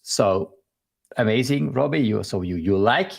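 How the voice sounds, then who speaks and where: A man with a Belgian accent hosting a casual live stream interview over a video call, talking in a halting way with frequent fillers and restarts. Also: on the low side, expressive, creaky.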